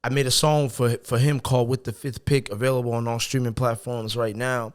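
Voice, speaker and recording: A man's voice: mid-range voice, level tone, brisk, smooth. A young man from Zimbabwe, a guest musician, telling stories in a humble, grateful way on a casual podcast.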